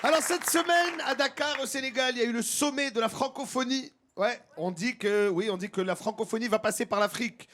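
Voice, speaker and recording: A man doing a stand-up comedy routine on stage, animated and slipping into playful put-on voices. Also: very high-pitched, brisk, hardly any pauses, some chatter behind. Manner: animated, slips into many put-on accents. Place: comedy stage before a live audience.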